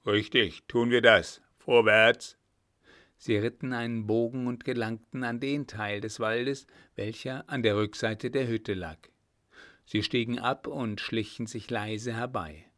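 A man narrating a story in an even, measured storytelling manner. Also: mid-range voice. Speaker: audiobook narrator. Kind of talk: scripted narration.

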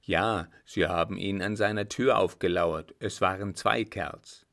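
A man voicing an old, blunt field marshal who talks loudly and teases, with a gravelly low voice. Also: fairly even intonation, a little slow, heavily acted. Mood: gruff, bantering. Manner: loud, brusque, bantering.

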